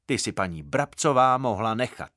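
A man's voice: mid-range voice, expressive, a bit bright, no room sound, studio quality, close to an everyday voice. A man voicing a feverish little boy who whines and pleads in a childish way. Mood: chattering.

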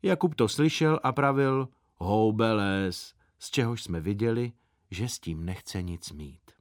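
A man reading a children's story aloud in a lively, playful way. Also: mid-range voice, no room sound, studio quality. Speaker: audiobook reader. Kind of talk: expressive storybook narration.

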